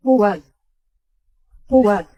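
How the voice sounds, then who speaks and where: A woman's voice: mid-range voice, slow, dark tone, husky, no room sound, dull audio. A woman voicing every character of a dubbed drama in one plain voice.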